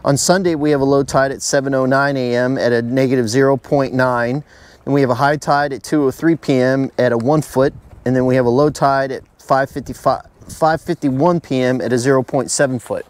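A man's voice: medium pitch, steady tone, fairly quick. A middle-aged man hosting a fishing forecast outdoors on a boat, talking plainly and chattily, often repeating himself. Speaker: fishing channel host.

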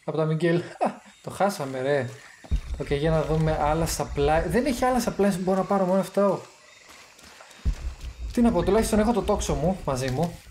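A man giving casual gameplay commentary, chatty and excitable, thinking aloud as he plays. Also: on the high side, pauses often, slight background noise. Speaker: gamer streaming his play.

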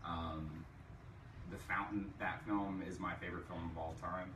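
A man's voice: low voice, level tone, moderate pace. A man chatting casually on a band livestream, laid-back with hesitant fillers. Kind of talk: casual chat. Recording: noisy echoey room, far from mic.

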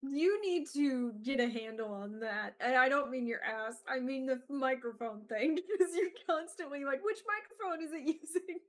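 A woman's voice: high-pitched, lively intonation, normal speed, hardly any pauses. A woman co-hosting a podcast in casual chat, giggly and wry. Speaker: podcast co-host.

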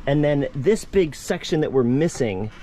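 A man's voice: a little high, lively intonation, normal speed, mellow, slight background noise. A man hosting a vlog, giving a casual, upbeat tour inside a sailboat cabin and talking straight to his viewers.

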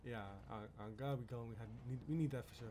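Fast and warm, this mid-range voice belongs to a young man joking around in street slang on a GTA roleplay server, frequently repeating what he says. The game voice chat carries background noise.

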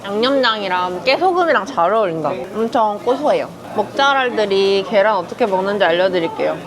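A woman food vlogger chatting playfully as she eats, full of quick exclamations. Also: medium pitch. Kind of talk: casual mukbang chat. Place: busy restaurant. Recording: restaurant crowd chatter behind. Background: diners chattering.

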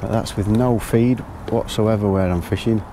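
A man's voice: on the low side, steady tone, moderate pace, mellow, slight background noise. A middle-aged man, talking casually to camera outdoors beside a lake, chatting through his plans. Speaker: angler vlogger.

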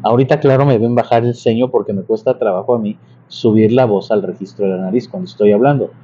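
Very dark-voiced singing teacher. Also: male voice, fairly low pitch, fast talker, breathy edge. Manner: explains patiently, with many restarts and sung or imitated examples. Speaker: church music and singing teacher. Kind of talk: casual vocal lesson with sung demonstrations. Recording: dull, slightly lo-fi sound with faint noise.

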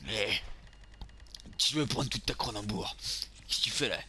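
Un homme qui joue un beauf ivre et vulgaire à l'marseillais, commentant sa partie de jeu vidéo, sur un fond de bruits de jeu bien audibles. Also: male voice, fairly low pitch, expressive, measured pace, pushed and bright, slight background noise, heavily acted. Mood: grumbling. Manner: crude, vulgar grumbling, talking to himself while playing. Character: boorish drunk beer-loving lout, man, crude and brash. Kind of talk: game role-play commentary.

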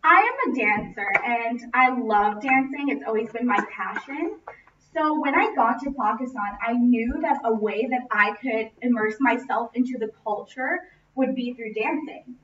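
Her fairly high voice a bit bright, a young Los Angeles student projects a prepared personal speech expressively across an indoor classroom. The sound, from a far-off camera mic, is roomy, echoing, muffled and noisy.

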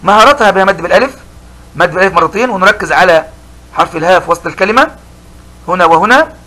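A man teaching young pupils, his voice high-pitched and bright. He explains patiently and slowly, saying each key word over again. He sounds like a middle-aged teacher in a recorded lesson. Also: lively intonation, rough recording. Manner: slow, explanatory, repeats key words.

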